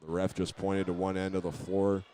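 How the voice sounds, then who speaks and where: This live play-by-play of an indoor high school basketball game comes from a man with a low, dark voice. He describes the action in brief, simple phrases at a moderate pace, his delivery entirely flat. Background noise from the gym is audible throughout.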